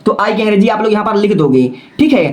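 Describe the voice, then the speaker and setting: Patient teacher spelling words out. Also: male voice, high voice, expressive, fast. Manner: repeats "okay" as a check-in, spells words letter by letter; patient, step-by-step explaining. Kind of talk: classroom-style lesson.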